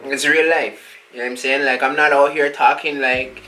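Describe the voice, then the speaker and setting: A man's voice: medium pitch, flat delivery, moderate pace, pushed and bright, lightly acted, low-quality recording. A young man, playing a cocky street rapper who rambles in thick slang and caps every thought with a filler tag. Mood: boastful. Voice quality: slang-heavy rambling with endless filler tags. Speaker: musician being interviewed. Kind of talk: comedy sketch.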